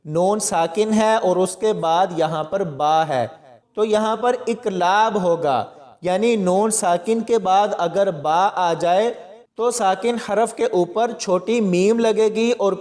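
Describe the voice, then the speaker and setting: A man teaching Quran reading with tajweed, explaining each word, then spelling it out slowly syllable by syllable. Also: high voice, darkish tone, big-room sound. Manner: slow, drawn-out syllable-by-syllable recitation between explanations. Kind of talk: tajweed lesson, spelling out letters.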